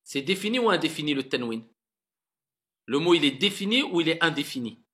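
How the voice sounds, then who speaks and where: Male classroom teacher, bright and fairly high voice, patient and encouraging, drags out words to demonstrate. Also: lively intonation. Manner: patient, repeats words slowly and drawn out to model pronunciation; encouraging, mixes French with Arabic words. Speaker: Arabic reading teacher. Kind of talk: classroom lesson, correcting students' reading.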